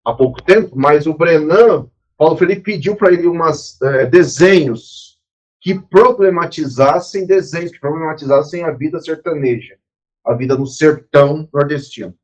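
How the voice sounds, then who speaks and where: A man's voice: on the high side, moderate pace, highs cut off. A man, teaching a recorded lecture in a spontaneous, explanatory way with frequent restarts and asides.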